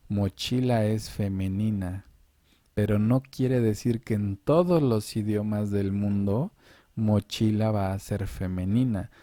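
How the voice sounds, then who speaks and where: Male language teacher, unhurried and mellow, patient step-by-step explainer. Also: on the low side, no echo, studio quality. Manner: patient, explains step by step, asks and answers his own questions. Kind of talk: online language lesson.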